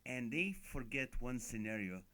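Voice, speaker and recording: Man, middle-aged, comedian guest, comic storytelling, brisk bright voice. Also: medium pitch. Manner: animated comic storytelling, acts out quoted voices. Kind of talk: storytelling on a talk show.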